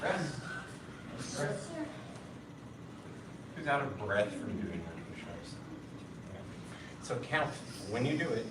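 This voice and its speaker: Male martial arts instructor, lively drill-count delivery, distant mic in a reverberant hall, heavy noise. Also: mid-range voice, slow, pauses often. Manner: barks counts and commands, then explains calmly. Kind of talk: leading a children's fitness drill.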